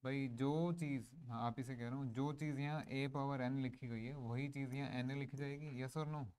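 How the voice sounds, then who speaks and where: A man's voice: mid-range voice, steady tone, moderate pace, a little mellow, clear, resonant tone. Man teaching maths in Hindi and English. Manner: mixes Hindi and English, asks the class to confirm. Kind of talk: classroom lecture. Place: classroom.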